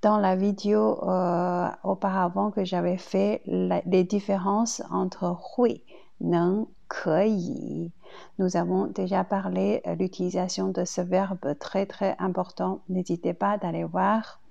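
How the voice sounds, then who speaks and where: A woman with a Chinese accent teaches a language lesson at an unhurried, careful pace. Her voice is low and mellow with a gravelly edge, and she says each example twice. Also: flat delivery, dull audio. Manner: slow, deliberate, repeats each example twice.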